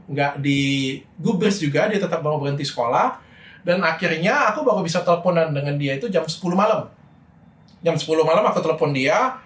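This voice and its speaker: Middle-aged man vlogging, frustrated and animated, lively voice, echoey room. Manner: animated, frustrated, shifts pitch when quoting people. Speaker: vlogger telling his side of a story. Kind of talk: casual personal monologue.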